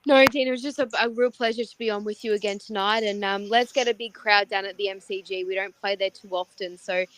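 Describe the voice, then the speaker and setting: A woman's voice: mid-range voice, steady tone, fast talker, fairly bright tone, a little hiss or hum, low-quality recording. A woman with an Australian accent, a guest chatting casually about football on a podcast. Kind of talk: casual footy chat.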